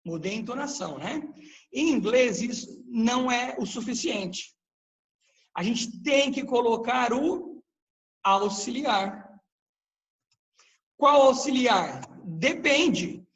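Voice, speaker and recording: Man, English teacher, live online lesson, high voice, slow deliberate pace, asks the class questions. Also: expressive, fairly bright tone, rough recording. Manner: explains patiently, quizzes the class with questions.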